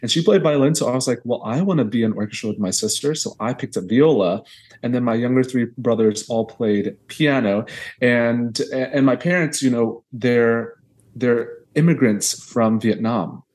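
Calling in from a small bedroom on earbuds, a choral conductor in his thirties from around Houston, Texas guests on a podcast interview. His voice is medium-pitched and a little mellow at a moderate pace, and he's earnest and reflective, often restarting long sentences.

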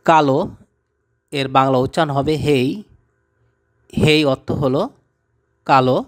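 A man teaching vocabulary word by word, saying each term and then repeating it in a deliberate, patient way. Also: medium pitch, little pitch movement. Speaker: language teacher. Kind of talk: slow word-by-word vocabulary lesson.

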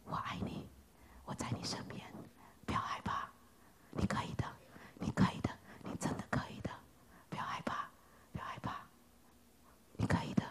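A woman preacher whispering as God in a tiny, gentle voice in a whispered role-play, soft and tender. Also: normal speed, pauses often, close to an everyday voice. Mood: tender reassurance.

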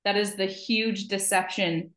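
A woman's voice: medium pitch, fairly even intonation, unhurried, a bit bright, reverberant. A woman in her thirties, a podcast co-host speaking earnestly and emphatically in casual conversation over a video call. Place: home office, video call.

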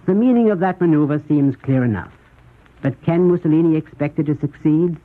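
A man giving scripted 1930s radio news commentary in a measured, formal, rhetorical manner, with a husky voice. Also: fairly high pitch. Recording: muffled, tinny 1930s radio recording.

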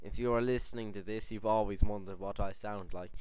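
A man's voice: lowish voice, steady tone, brisk, heavy background noise. A tipsy young man hosting a homemade web show, rambling with mock-pompous speeches.

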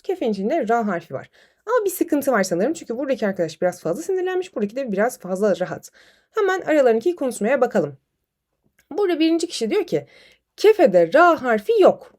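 Lively woman teaching vocabulary online. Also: fairly high pitch. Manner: lively, addresses students as friends, reads dialogues aloud. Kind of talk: online lesson with memory techniques.

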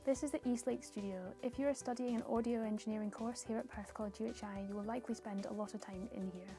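A young adult woman with a fairly high voice narrates a guided tour at a quick pace over background music. She reads prepared lines clearly, in a calm, informative guide's manner.

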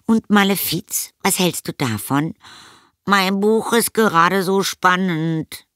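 A stammering, flustered young boy from a storybook, high and boyish, dodging every question, as a woman reads him aloud. He is nervous and evasive, tripping over his words in a slow, deliberate delivery. The studio sound is dry. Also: fairly bright tone, no room sound. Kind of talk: audiobook character reading.

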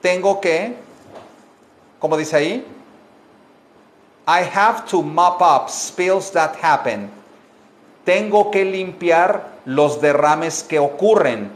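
Slow, patient male English teacher. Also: on the high side, animated. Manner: repeats phrases slowly, explains in Spanish. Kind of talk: bilingual language lesson. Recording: echoey room.

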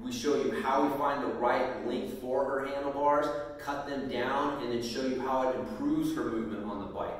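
A middle-aged man coaching on bike handling in a loose, demonstrative way, pausing on fillers as he goes. His voice sits at a mid pitch and rings around a very echoey, hard-surfaced home gym. He is picked up from a camera some distance away, with a long reverb tail. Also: fairly even intonation, a little hiss or hum. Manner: casual, demonstrative, frequent fillers. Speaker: mountain bike strength coach. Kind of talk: instructional video talk. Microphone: far camera. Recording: echoey room from far off.

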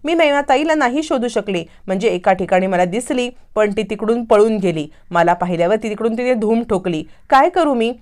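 A woman's voice: on the high side, expressive, a little fast, few pauses, darkish tone, close to an everyday voice. A woman voicing a young girl frantically apologizing to her mother. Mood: apologetic.

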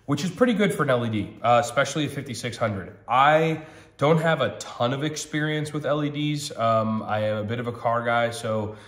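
A man in his thirties, slightly nasal from a cold, reviews a product at a table at home in a chatty, upbeat way, thinking aloud with ums. His mid-range voice has a fairly bright tone and moves at normal speed, and the sound is roomy.

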